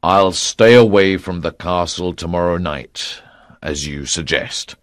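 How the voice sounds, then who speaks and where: A man's voice: sits low, unhurried, no echo, clean studio sound. An actor playing a weary, grave and reluctant king in a dramatised storybook, speaking solemnly. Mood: resigned.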